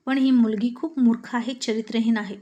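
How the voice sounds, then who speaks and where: Haughty sharp-tongued wife, read by a woman narrator, insulting, fairly high voice, mellow tone, storybook. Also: steady tone, normal speed, muffled recording, lightly acted. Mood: scornful. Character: proud sharp-tongued married woman with memory loss.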